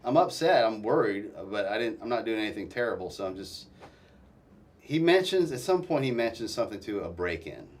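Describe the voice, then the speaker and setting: A man telling his own story as a guest in a casual interview, halting and restarting often. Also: fairly low pitch, very animated, far from the mic.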